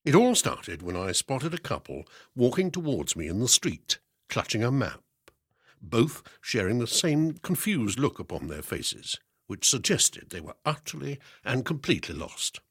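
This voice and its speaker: A man reading a humorous first-person story aloud for hospital radio, with lively, expressive delivery and dry humour. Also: mid-range voice, a little slow, slightly rough, no echo. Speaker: reader.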